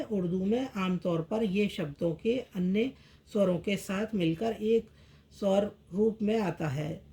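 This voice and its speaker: A woman teaching Urdu script in a slow lesson, repeating each word several times as she writes it out. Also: mid-range voice, mellow. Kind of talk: slow step-by-step language lesson.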